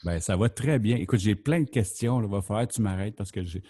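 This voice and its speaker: Male host, Quebec French accent, deep voice, casual and rambling, lots of hesitations. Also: fairly quick, warm tone. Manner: rambling, hesitant with many filler sounds. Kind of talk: casual radio-style presentation.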